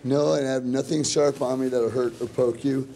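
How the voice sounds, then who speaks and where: A man's voice: mid-range voice, fairly even intonation, normal speed, mellow, a little hiss or hum, poor audio. A man being booked into jail, chatting casually in an apologetic way. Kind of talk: casual chat.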